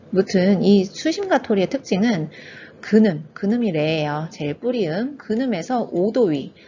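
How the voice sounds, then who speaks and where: A woman's voice: medium pitch, darkish tone. A woman music teacher leads an exam-prep lesson, explaining step by step and breaking into short sung folk phrases. The audio is somewhat dull and lo-fi, with a faint hiss underneath. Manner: explains patiently, sings folk melody snippets to demonstrate.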